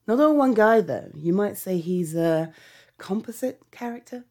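Actress as brash female gunslinger, mellow, husky, gossipy, saucy, comic Western drama. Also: mid-range voice, animated, measured pace.

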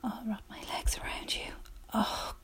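A young woman leaving an intimate voicemail in a hushed, breathy whisper with soft laughs, close to a phone mic. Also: unhurried.

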